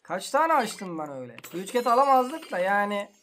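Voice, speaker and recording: A man's voice: high voice, sing-song, normal speed, fairly bright tone, a little hiss or hum. A man hosting a gaming channel, giving casual gameplay commentary in an exasperated, complaining, slangy way.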